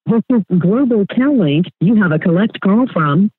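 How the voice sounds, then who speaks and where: Automated payphone call announcer, tinny. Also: male voice, high-pitched, normal speed, slightly rough, dry recording. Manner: flat, formal recorded prompts. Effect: recorded announcement on a payphone call line. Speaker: automated prison phone system announcer. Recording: tinny phone line.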